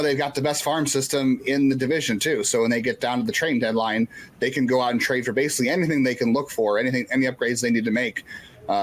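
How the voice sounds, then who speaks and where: A man giving confident, steady baseball analysis as a guest on a podcast panel. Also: medium pitch. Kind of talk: casual sports talk.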